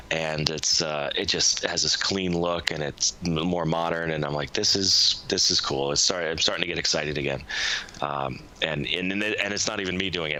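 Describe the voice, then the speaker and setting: Bright, forceful low-voiced man in his thirties. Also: rough recording. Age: 30s. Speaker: podcast guest. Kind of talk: casual conversation.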